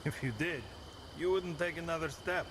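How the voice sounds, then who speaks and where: An actor playing a gruff, wary river ferryman in a fantasy game, curt and foreboding. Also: on the high side, fairly even intonation, moderate pace, background noise, close to an everyday voice.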